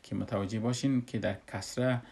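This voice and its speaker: A man teaches Quran recitation patiently, step by step. He speaks in an unhurried way and often stops on a long "uh" before going on. He sounds like a teacher walking through a lesson. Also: fairly low pitch, steady tone, gravelly, darkish tone. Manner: unhurried, with frequent drawn-out "uh" pauses. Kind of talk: step-by-step tajweed lesson explanation.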